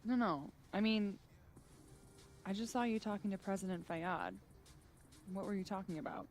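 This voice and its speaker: A woman with a medium-pitched, everyday-sounding voice speaks at normal speed as she plays a breezy, teasing young woman. Faint music plays behind her.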